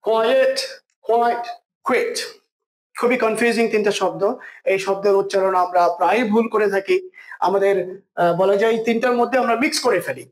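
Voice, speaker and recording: A teacher giving a vocabulary lesson at a board, slowly repeating example words and sentences for the class to follow. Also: mid-range voice, low-quality recording. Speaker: English teacher.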